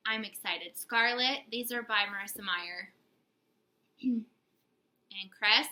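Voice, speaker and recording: A woman's voice: fairly high pitch, takes it slowly, sharp tone, low-quality recording. A young woman co-hosting a casual book haul video, chatty and giggly, teasing herself as she talks. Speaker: book channel co-host.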